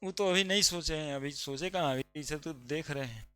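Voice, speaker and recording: A man's voice: a little high, brisk, clear, resonant tone. A man teaching a chemistry class, chatting and joking with students before explaining with emphasis. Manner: loud and emphatic when explaining.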